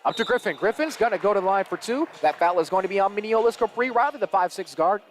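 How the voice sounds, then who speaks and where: A man with a high, bright voice calls a high school basketball game play by play, his delivery climbing with each drive and shot. A faint gym murmur sits under his words. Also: a little hiss or hum. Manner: rapid and energetic, rising with the action. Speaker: play-by-play announcer. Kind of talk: live basketball play-by-play commentary.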